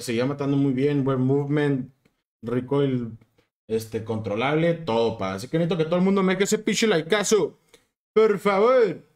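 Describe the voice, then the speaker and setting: A man's voice: medium pitch, darkish tone. A young man with a Mexican accent, streaming a game and chatting with viewers in a hyped, slangy way. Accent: Mexican Spanish. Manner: hyped, slangy, keeps urging chat. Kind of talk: casual livestream chat with viewers.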